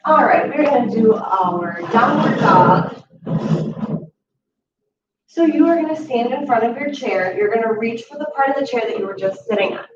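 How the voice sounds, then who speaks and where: A young adult woman guiding a chair yoga class, calmly cueing each step and slowing down to hold the poses. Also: on the high side, crowd noise. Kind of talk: guided exercise instruction. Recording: distant, roomy, dull audio with steady background noise.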